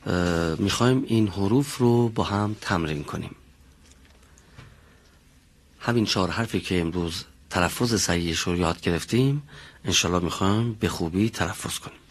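Male pronunciation teacher, low voice, patient, drills sounds slowly. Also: breathy edge. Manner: patient, demonstrates sounds slowly and repeats them. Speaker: Quran recitation teacher. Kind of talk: classroom pronunciation lesson.

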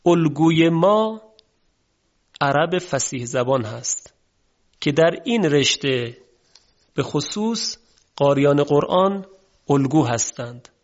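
A man whose first language is Persian teaches Quran recitation in a measured way, demonstrating Arabic vowel sounds. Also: a little high, animated. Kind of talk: spoken lesson on Quranic pronunciation. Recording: dull lo-fi recording.

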